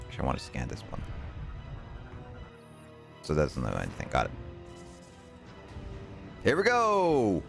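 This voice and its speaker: A deep-voiced young man talks over faint game music as he streams. His commentary is casual and rambling, full of hesitant thinking aloud. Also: animated, quick pace, creaky, pauses often. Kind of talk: casual live gameplay commentary.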